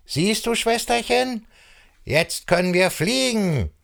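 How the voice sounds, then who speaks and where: A man's voice: high voice, expressive, slow, gravelly, a bit bright, voice pushed up, heavily acted. Man doing a gleeful little caterpillar.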